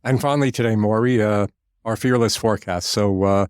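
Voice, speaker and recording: A man co-hosting a political podcast, talking in a measured way with frequent pauses. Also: lowish voice, steady tone, smooth, no echo, studio quality. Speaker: podcast co-host.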